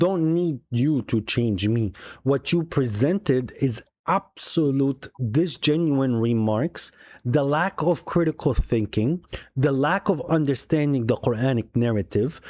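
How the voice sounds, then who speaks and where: A man hosting a religious debate, who argues in a pointed, measured way, step by step. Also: medium pitch, darkish tone, dry recording, clean studio sound. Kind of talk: heated debate.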